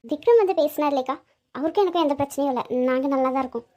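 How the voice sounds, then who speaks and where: A woman voicing a gentle, subdued young woman in a cartoon who speaks in a soft, reassuring way. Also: sits high, racing, lightly acted. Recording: dull lo-fi sound.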